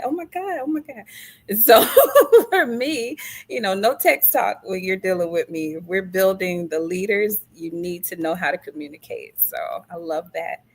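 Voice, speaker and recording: A woman hosting a panel discussion, affirming her guests and telling animated stories with laughter. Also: on the low side. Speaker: host.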